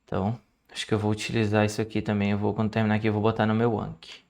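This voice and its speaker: A man with a Brazilian Portuguese accent casually talks through his language study notes, explaining as he goes. He slows down to sound out foreign words and keeps asking "right?" His voice is fairly low, gravelly and darkish, with a completely flat delivery.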